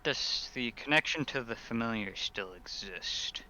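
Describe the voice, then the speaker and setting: A man's voice: medium pitch, animated, measured pace, sharp tone, dry recording. A man speaking casually as a player in a tabletop role-playing game. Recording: dull, noisy microphone sound.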